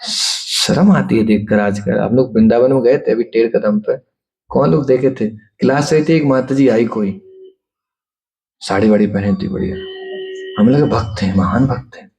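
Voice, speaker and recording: A man giving a devotional talk, telling stories in an animated way and playfully acting out the people in them. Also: mid-range voice, normal speed, vocal fry. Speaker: preacher.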